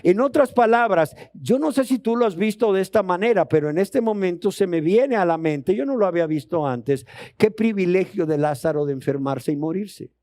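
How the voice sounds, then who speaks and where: A man's voice: high-pitched, lively intonation, normal speed, a little mellow, no room sound. A man with a Colombian Spanish accent teaching a sermon, asking the audience questions and acting out dialogue. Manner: emphatic, rising questions to the audience, acts out dialogue. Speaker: Bible teacher.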